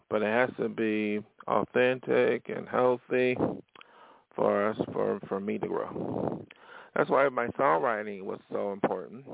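With a fairly low, creaky voice, a musician hosts his own casual podcast, rambling and often restarting or filling pauses. The dry, phone-like lo-fi sound suggests a phone or voice-message recording.

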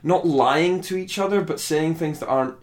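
Man reviewing a film in relaxed chat; thoughtful, meandering delivery. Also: on the high side, moderate pace. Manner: thoughtful, rambling with restarts. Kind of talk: casual podcast chat.

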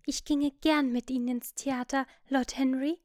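A woman's voice: high voice, steady tone, normal speed, darkish tone, dry recording, clean studio sound, close to an everyday voice. A woman voicing a vain, charming young man who sounds eager and full of wonder.

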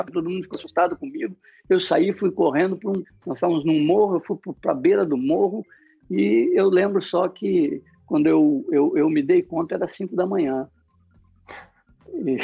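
A man preaches a personal testimony in an emotional, halting way, often restarting his phrases. His voice is gravelly and husky, with a warm, mellow tone. The recording sounds dull and lo-fi, with faint music underneath. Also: on the high side, no room sound. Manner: emotional storytelling with many restarts. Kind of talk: sermon testimony.

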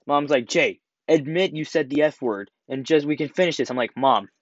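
A man's voice: a little high, normal speed, no echo. Young guy doing a storytime, acts out everyone's lines, dry slightly dull audio. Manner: animated, acts out quotes, laughs while telling. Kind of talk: casual storytime about school.

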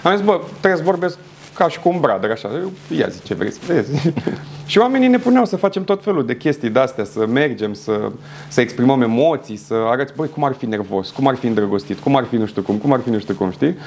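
Bărbat tânăr, voce gravă hârșâită. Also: male voice, mid-range voice, a little hiss or hum. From Romania. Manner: animated, acts out quoted dialogue. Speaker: guest. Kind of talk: casual storytelling.

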